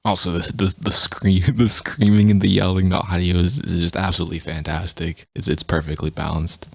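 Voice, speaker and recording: A man's voice: sits low, flat delivery, a little fast, gravelly, no room sound, studio quality. A man giving casual game review commentary, often stammering and repeating his words.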